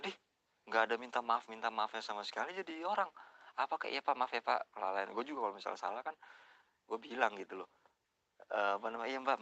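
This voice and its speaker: A young man with a gravelly, bright and fairly low voice recounts a personal misadventure in casual Jakarta slang. He plays every character in the scene himself and gets worked up and indignant as he tells it. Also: muffled recording. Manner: animated, acts out dialogue with rising indignation. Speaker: vlogger telling a personal story. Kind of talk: casual storytelling chat.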